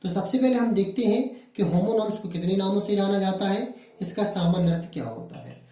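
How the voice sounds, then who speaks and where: A man's voice: high-pitched, steady tone, fairly quick, darkish tone. A male teacher from Madhya Pradesh, India, giving a classroom-style grammar lesson. He asks questions and answers them himself, repeating the key words. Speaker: English teacher. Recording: echoey room.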